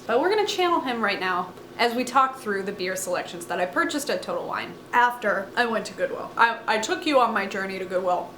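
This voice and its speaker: A woman's voice: mid-range voice, fairly bright tone, roomy sound, a little hiss or hum. A young woman in her twenties, chatting casually and self-mockingly in her living room, with lots of "like" fillers. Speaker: vlogger. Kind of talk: casual vlog chat.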